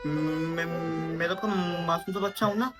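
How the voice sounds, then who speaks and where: A man playing a cheeky young son who teases and then wheedles, with loud music behind. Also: on the high side, normal speed, lightly acted. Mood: wheedling. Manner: teasing, wheedling.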